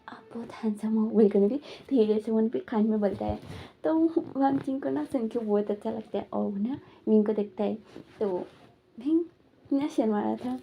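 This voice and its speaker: A woman's voice: on the high side, creaky, warm tone, slight background noise. A woman casually retelling a romantic fan fiction, rambling along with many repeated fillers. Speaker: storyteller.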